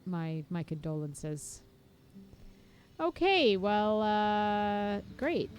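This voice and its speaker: A woman's voice: fairly low pitch, expressive, slow pace, slight background noise. A woman streaming a game, giving casual, wry running commentary with sudden exclamations. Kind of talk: casual gameplay chat.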